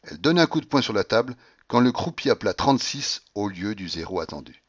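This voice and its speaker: A man narrating a classic novel aloud in an expressive, dramatic manner. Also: on the low side, quick pace, husky, no echo, muffled recording. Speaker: audiobook reader. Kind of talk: literary narration read aloud.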